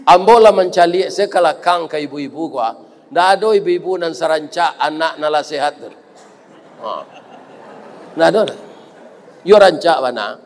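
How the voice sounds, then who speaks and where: A man with a Minangkabau accent preaching a sermon, telling a story with lively asides and jokes for the congregation. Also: on the high side, moderate pace, long pauses, long reverb tail. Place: mosque.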